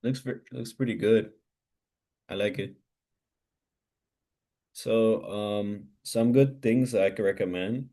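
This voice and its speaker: Low, mellow-voiced man giving casual advice. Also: slow pace, long pauses. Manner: loose, hesitant, many "like" fillers. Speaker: hackathon mentor.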